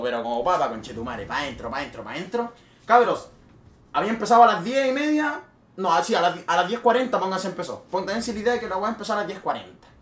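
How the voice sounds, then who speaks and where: A young man with a Chilean accent, a streamer telling a party story in casual, swear-laden speech with loud bursts. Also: a little high. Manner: animated, swears freely, with sudden loud bursts. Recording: roomy echo.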